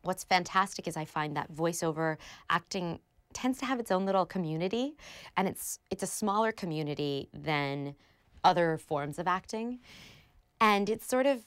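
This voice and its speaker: A woman voice actor speaking warmly and enthusiastically in an interview. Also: fairly low pitch, animated, moderate pace, smooth, dry recording.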